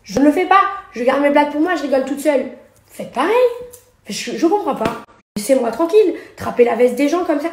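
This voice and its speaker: A woman's voice: high-pitched, lively intonation, echoey room, a little hiss or hum. A young woman and reality TV personality ranting sarcastically in a social media story, talking into her phone. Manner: indignant, sarcastic, rapid-fire. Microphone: phone held at arm's length.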